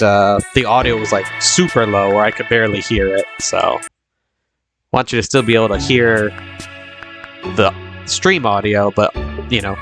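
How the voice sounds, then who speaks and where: A young man hosting a live stream chats casually and rambles, full of fillers and restarts. He has a cold, so his fairly low, gravelly voice sounds sniffly and congested.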